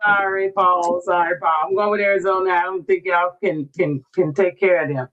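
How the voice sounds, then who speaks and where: A woman's voice: fairly low pitch, steady tone, moderate pace, a bit bright. Teasing woman with a dull lo-fi sound. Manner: playful, teasing, swears freely. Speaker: podcast co-host. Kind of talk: casual sports chat.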